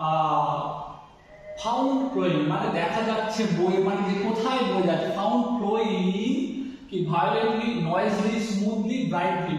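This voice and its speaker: High-voiced male teacher in echoey room. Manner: reads English lines slowly, checks in with listeners often. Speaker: English teacher. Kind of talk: exam-prep lesson. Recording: echoey room, distant mic.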